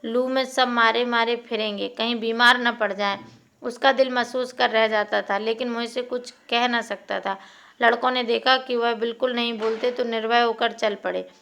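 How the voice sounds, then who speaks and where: A woman reading a classic short story aloud in a steady, expressive narration. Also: fairly high pitch, moderate pace, creaky.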